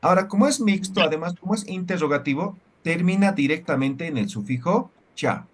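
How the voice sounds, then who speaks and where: A man's voice: a little high, expressive, fairly quick. A man teaching a language class. He explains step by step and keeps checking with the students through short questions. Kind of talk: classroom lecture.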